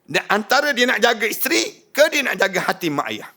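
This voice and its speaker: Religious lecturer, male, northern Malaysian Malay accent, pitched high, exhorts a live audience with rhetorical questions. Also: sing-song, brisk, pushed and bright. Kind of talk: sermon.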